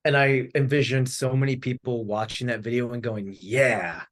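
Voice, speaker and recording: A man's voice: mid-range voice, fairly quick. A man co-hosting a podcast, chatting casually, laughing often and retelling what others said. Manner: animated storyteller, laughs often, retells quotes. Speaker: podcast co-host. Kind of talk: casual conversation.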